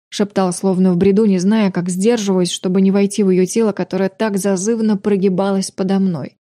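Mellow woman reading an audiobook. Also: medium pitch, dry recording, studio quality. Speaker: audiobook narrator. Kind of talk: first-person romance fiction narration.

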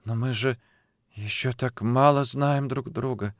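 A man's voice: medium pitch, steady tone, measured pace, no room sound, studio quality, close to an everyday voice. A male audiobook reader voicing a frightened, secretive young woman who stammers and pleads. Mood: flustered. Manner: stammering, pleading, then shrieking. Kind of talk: audiobook character reading.

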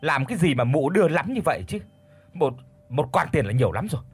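A man's voice: medium pitch, sing-song, normal speed, breathy edge. A man voicing a stingy, grumbling old village landowner who talks bluntly and scornfully in an audio story. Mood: indignant.

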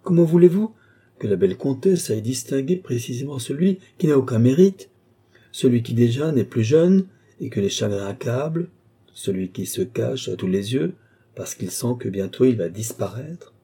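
A man's voice: medium pitch, animated, normal speed, dark tone, breathy edge. A man reading an audiobook, voicing an eloquent middle-aged duke who pleads and declaims with fervour. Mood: impassioned.

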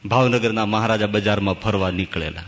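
A man giving a religious discourse, telling stories and reciting folk verses with animated rises and drops. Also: on the low side, brisk. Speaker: swami giving a scripture discourse. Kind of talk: sermon. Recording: long reverb of a hall.

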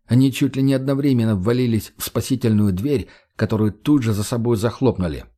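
A man reading an audiobook in a steady, even narrating manner. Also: mid-range voice, a little fast. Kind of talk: scripted narration.

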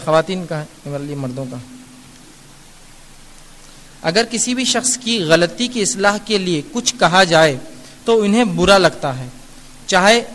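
A man's voice: high-pitched, fairly bright tone, big-room sound, slight background noise. A man giving a Q&A religious lecture, earnest and admonishing, explaining through everyday examples. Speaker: Islamic lecturer answering audience questions.

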